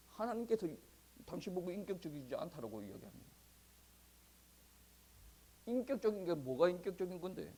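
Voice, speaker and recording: A male pastor preaching a sermon in a conversational, animated way, often chuckling. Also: high-pitched. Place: church.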